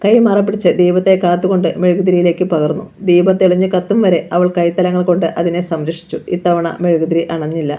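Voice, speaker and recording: A reader narrating a novel aloud with steady, even storytelling. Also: mid-range voice, quick pace, few pauses. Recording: dull lo-fi recording.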